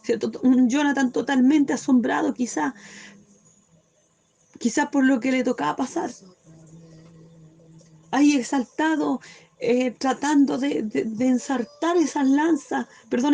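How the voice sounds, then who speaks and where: High, gravelly-voiced woman preaching scripture. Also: fairly even intonation, measured pace, long pauses, mellow. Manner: fervent, often asks "cierto?" and breaks into praise. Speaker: Bible study teacher. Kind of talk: Bible study sermon, reading and explaining scripture.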